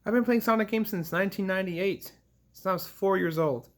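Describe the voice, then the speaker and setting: A man's voice: high-pitched, brisk. A man in his twenties ranting to camera about a game he played, rambling and emotional, swearing often. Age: 20s. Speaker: gaming vlogger. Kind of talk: casual rant to camera.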